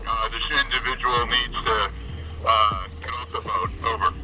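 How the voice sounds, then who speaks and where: A man's voice: mid-range voice, steady tone, moderate pace, pushed and bright, faint music behind, poor audio. A man heard over a marine radio making a call in formal radio protocol, a little hesitant.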